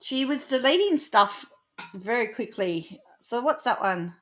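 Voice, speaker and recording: A woman's voice: a little high, lively intonation, measured pace. An Australian woman vlogger giving casual commentary, thinking aloud with fillers as she goes through posts.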